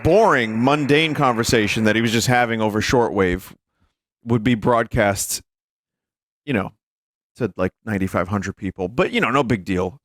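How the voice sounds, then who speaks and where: In a dry recording, a man with a lowish, fairly bright voice speaks at a moderate pace while hosting a livestream listening session. He chats with viewers in a wry, joking way, reacting to radio recordings as music plays in the background.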